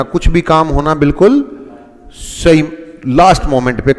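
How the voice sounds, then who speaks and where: A man's voice: a little high, darkish tone, long reverb tail. A man teaching English phrases, explaining in Hindi and acting out examples. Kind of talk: spoken English lesson in Hindi.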